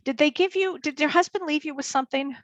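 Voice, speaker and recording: Woman medium, dry close sound, slightly high, halting delivery. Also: no room sound, highs cut off. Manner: hesitant, relays messages in short restarting phrases. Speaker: psychic medium. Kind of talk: live mediumship reading.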